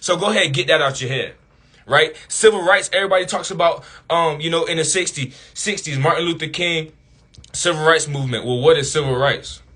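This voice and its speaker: Male commentator, slightly high, husky voice, preachy monologue with constant rhetorical questions. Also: a little fast, pushed and bright. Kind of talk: impassioned monologue to camera.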